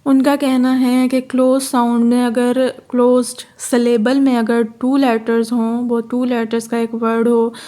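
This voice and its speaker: A woman's voice: fairly high pitch, flat delivery, measured pace, hardly any pauses, warm tone. A woman with a Pakistani accent teaching a phonetics lesson, repeating key terms, giving examples and correcting herself as she goes. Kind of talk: lecture in Hindi-Urdu, explaining English phonetics.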